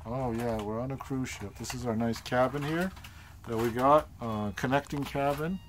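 A man's voice: mid-range voice, moderate pace, slight background noise. A middle-aged father filming a family vlog in a cruise ship cabin, talking in an easygoing way as he guides his son. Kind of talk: casual vlog chat.

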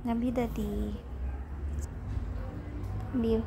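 A woman with a high voice talks to her pet in slow, drawn-out baby talk, coaxing and teasing it. Steady background noise runs under her voice. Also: creaky. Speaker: pet owner filming her pet. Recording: noisy background.

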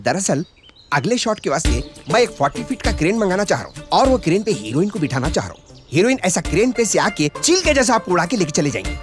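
A fast-scheming director who flatters and grumbles in a Hyderabadi accent. His pitch swoops up and down in lively bursts. Loud music plays under him on the soundtrack. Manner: wheedling, sarcastic, excitable. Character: scheming, flattering small-time film director. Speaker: actor playing a film director.

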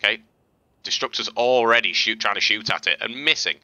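Low, sharp-voiced man explaining gameplay. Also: a little fast, no room sound. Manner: relaxed, chatty explaining with fillers and restarts. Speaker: gaming video host. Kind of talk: casual gameplay commentary and tutorial.

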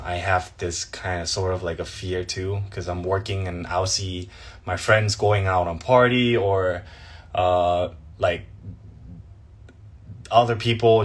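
A young man with a low voice talks very slowly on a live stream from his phone. He answers fans in a relaxed, thoughtful way and often trails off into fillers. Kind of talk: casual live Q&A chat.

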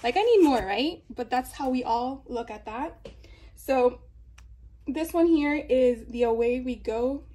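In a laid-back haul video, a Floridian craft vlogger presents supplies at a table indoors, talking chattily with fillers and little laughs. She has a high voice with a dark tone and speaks at a measured pace.

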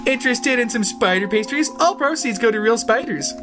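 A woman's voice: on the high side, animated, fairly quick, over music, natural voice. A woman voicing a sly female spider baker offering pastries in a sugary sales tone.

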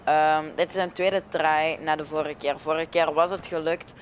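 A man's voice: fairly high pitch, flat delivery, normal speed, a little hiss or hum. A young man with a Flemish accent giving casual, hesitant commentary over a video game, often searching for his words. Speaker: gaming video host.

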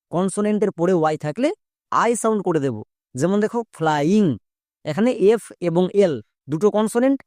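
Patient language teacher spelling out words sound by sound, warm mellow tone, dry close sound. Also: medium pitch, no room sound. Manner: spells out sounds step by step and checks in with quick questions; repetitive, patient explaining. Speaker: English pronunciation teacher. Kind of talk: spoken spelling lesson.

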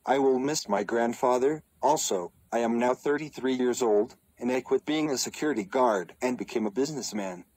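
A man voicing a bratty boy in a cartoon who grows into an old man, with a whiny, flat delivery. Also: mid-range voice, moderate pace, hardly any pauses, no echo, close to an everyday voice, low-quality recording. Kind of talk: cartoon voice acting.

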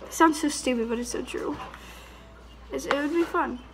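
A woman's voice: high-pitched, moderate pace, noisy background. A young woman giving casual, giggly reaction commentary in a room at home. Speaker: vlogger reacting to videos.

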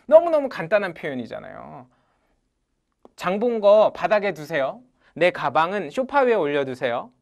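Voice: medium pitch, moderate pace, creaky, lo-fi sound. A teacher leading an English lesson in front of a class, calling out phrases for the room to repeat and praising their answers. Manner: energetic, calls out drills and repeats phrases loudly. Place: lecture room with a live audience.

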